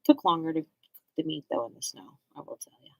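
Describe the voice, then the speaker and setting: A woman in her forties from Southern California chats while making art on a live stream. Her voice sits a little low. She rambles loosely, dropping plenty of "like"s along the way. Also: quick pace. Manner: rambling and chatty, full of likes. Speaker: artist hosting a live stream.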